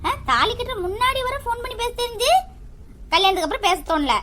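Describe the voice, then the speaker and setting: A woman's voice: extremely high pitch, lively intonation, quick pace, sharp tone, heavily acted. A woman playing a young newly married wife who angrily scolds her husband in a family skit. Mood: indignant. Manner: indignant, scolding, sarcastic.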